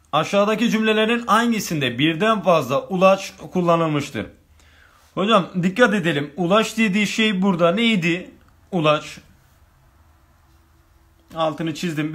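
A man's voice: fairly high pitch, a bit bright. A male teacher running an online grammar lesson, reading exam questions aloud and working through each answer step by step with his students.

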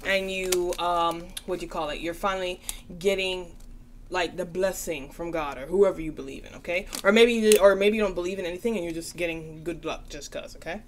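A woman's voice: lowish voice, a little fast, a little hiss or hum. Tired, chatty woman reading tarot. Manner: chatty, repeats "okay?" often. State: tired, yawning. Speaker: tarot reader.

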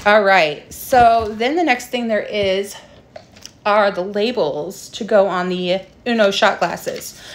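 A young adult woman talking informally and explaining a craft step by step in a casual livestream tutorial. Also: medium pitch. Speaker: livestream host, craft seller. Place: small room indoors at home. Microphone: phone propped at arm's length.

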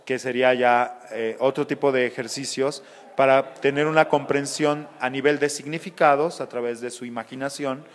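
A man explains phonetics like a patient teacher, giving example after example. His voice is mid-pitched, and the recording carries a long hall reverb. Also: steady tone. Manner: didactic, measured, explains with examples. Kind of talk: explanatory interview answers.

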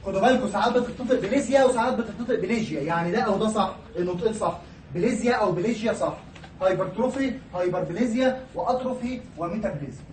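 A man's voice: sits high, racing, a little hiss or hum. A man with an Egyptian accent teaching pathology, mixing English medical terms into his explanation and asking the class questions that he answers himself. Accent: Egyptian Arabic. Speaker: pathology lecturer. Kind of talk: recorded university lecture. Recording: echoey room, voice from far off the mic.

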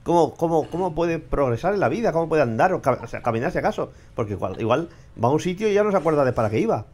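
A man's voice: a little high, expressive, fast talker, darkish tone. Blunt ranting man. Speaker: vlogger commenting on clips and AI tools. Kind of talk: casual commentary.

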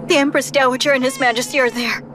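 A woman voicing a shrill, frantic young empress. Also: steady tone, fast, lightly acted. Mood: distraught. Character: young empress, new mother, distraught and harsh. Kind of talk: English drama dub. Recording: dub with background music.

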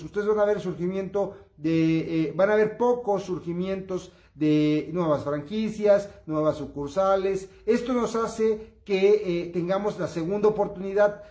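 A man's voice: sits high, darkish tone, roomy sound. A man giving upbeat, coaxing finance commentary, hesitating often with filler sounds. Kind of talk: informal money commentary to camera.

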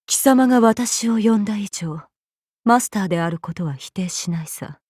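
A woman's voice: medium pitch, a little mellow, slightly rough, dry recording, studio quality, natural voice. An actress playing a vengeful female gorgon monster in an anime game, imperious, cold and contemptuous. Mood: cold, haughty. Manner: imperious, cold, contemptuous, deliberate archaic phrasing. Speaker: voice actor. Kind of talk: scripted anime game character lines.

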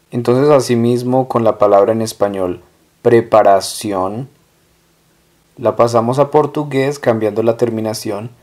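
A man teaching a language lesson at an unhurried, deliberate pace. His voice is dark and mellow, and he stretches out each model word before saying it again. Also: medium pitch. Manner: patient, drawn-out model words. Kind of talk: slow language lesson with repeated examples.

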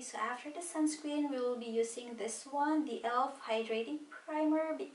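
A woman's voice: fairly high pitch, echoey room, far from the mic, slight background noise. A woman in her thirties chatting through a makeup tutorial, explaining each product step by step from her desk at home. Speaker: beauty vlogger. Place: small home room at a desk.

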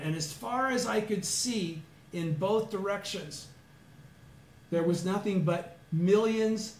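In an echoey room with a bit of faint background noise, a high-pitched middle-aged man from Southern California tells a small study group about something from his life. He acts out what he said back then, sometimes breaking into shouting or chanting.

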